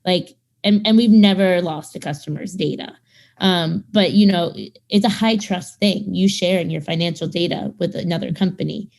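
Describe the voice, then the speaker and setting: Low-pitched, gravelly and darkish, at a normal pace, a startup founder in her thirties chats through a casual interview. She uses many fillers and acts out the people she quotes.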